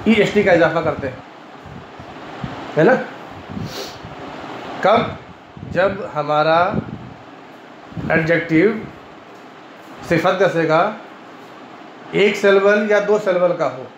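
Indian urdu accent guy teaching grammar class, highish voice, keeps saying "है ना", clears his throat a lot, roomy echo, kinda muffled recording. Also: slow pace, long pauses. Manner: repeats points, frequent "है ना" checks with students. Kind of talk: classroom lecture. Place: madrasa classroom. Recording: echoey room, dull lo-fi sound, faint hiss.

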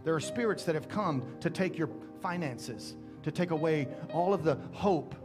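A middle-aged man pastor preaching a sermon on a large church stage through a headset mic, with emphatic rising calls and slow, drawn-out scripture readings. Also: fairly high pitch, lively intonation. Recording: church sermon with music behind.

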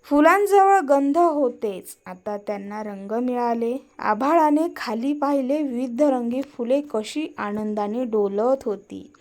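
A woman storyteller reads a children's tale in a gentle, sing-song way, her voice sitting a little high. She takes it unhurriedly, letting each short phrase land before the next. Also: slow pace.

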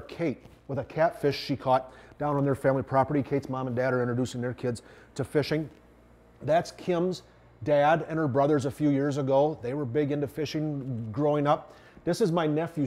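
A man's voice: medium pitch, a little mellow. A middle-aged man from the American Midwest hosting a fishing show, talking in an easygoing, folksy way to the camera from a restaurant dining room on a lapel mic. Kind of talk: relaxed presenting to camera.

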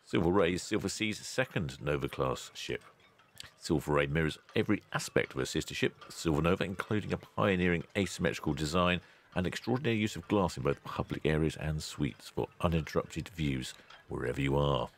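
A man, hosting a ship-spotting channel in a relaxed, chatty voice-over with dry asides. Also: a bass voice, fairly quick, gravelly. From England. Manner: chatty, dry asides, loud cheery greetings.

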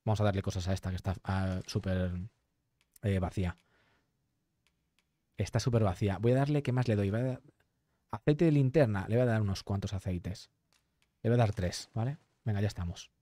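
A man's voice: fairly low pitch, brisk, pauses often, mellow, dry recording. A young man streaming a game live, chatting with viewers, reading their messages aloud and swearing often. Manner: chatty, swears often, reads and answers chat. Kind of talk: live gameplay commentary.

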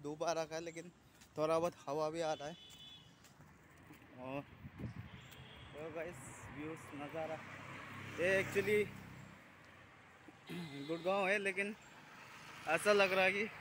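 A man in his thirties talks casually into a phone held at arm's length while he walks a sunny city street, rambling and clearing his throat now and then. His voice sits fairly high for a man. Traffic noise runs clearly underneath. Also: fairly even intonation, slow pace, pauses often, fairly bright tone. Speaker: vlogger. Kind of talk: casual walking vlog. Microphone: phone camera held at arm's length. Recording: noisy street traffic outdoors. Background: passing traffic.

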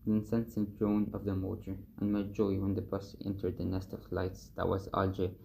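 Man with a low, gravelly, flat voice. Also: a little hiss or hum. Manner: measured, even first-person reading. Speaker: reader of a book excerpt. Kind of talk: reading a novel aloud.

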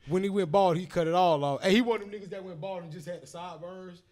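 A man trash-talking and telling stories fast and loud in a casual podcast among friends. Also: high voice. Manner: fast, loud roasting with storytelling.

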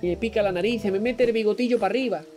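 A man's voice: high-pitched, very fast, warm tone, soft background music. A young man with a Spanish accent from Spain, casually commenting on a game he is streaming and joking with his chat. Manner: chatty and joking, talks to chat. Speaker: gaming streamer. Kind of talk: casual let's-play commentary.

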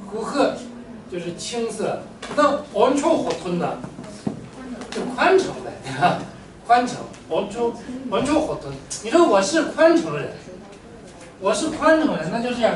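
A man teaching a classroom language lesson, joking and animated with his students. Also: sits high. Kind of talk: classroom lecture. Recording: echoey room, mic far off, faint room noise.

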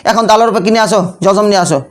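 A man's voice: high voice, racing. A man teaches tajweed as a classroom lesson. He keeps asking rhetorical questions and answers them himself. He often checks in with short tag questions. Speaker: Quran recitation teacher.

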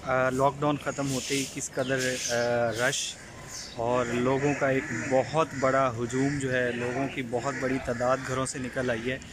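A young man, vlogging casually to his phone outdoors and hesitating often with drawn-out fillers. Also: mid-range voice, flat delivery. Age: young adult. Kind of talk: casual vlog to camera. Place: outdoors on a leafy residential street. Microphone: earphone mic, selfie phone at arm's length. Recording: street noise behind the voice.

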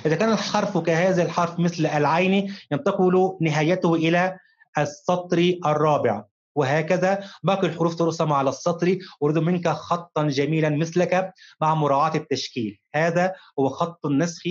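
A man teaching a recorded primary-school lesson, addressing his pupils fondly and slowing down to read examples word by word. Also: a little high. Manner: slow, careful dictation-style reading of examples. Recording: dull, lo-fi recording.

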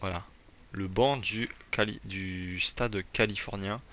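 A man's voice: fairly low pitch, steady tone, slow pace, fairly bright tone. A young man giving casual, rambling commentary on a football manager game, full of fillers and restarts. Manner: self-deprecating about his English accent. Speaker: gaming YouTuber.

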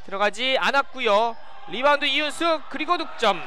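High-pitched, excitable male basketball commentator. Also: a little fast. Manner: excitable, shouting on scores. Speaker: play-by-play sports commentator. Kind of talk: live basketball play-by-play commentary. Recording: loud gym noise behind the voice. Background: basketball court ambience, bouncing ball.

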